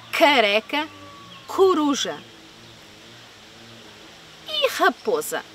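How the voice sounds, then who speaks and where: A woman with a European Portuguese accent, leading a phonics lesson for young children, slowly sounding out first sounds and repeating word pairs. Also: sits high, a bit bright, distant mic. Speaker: library storyteller leading a children's sound game. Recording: faint noise, voice a little off-mic.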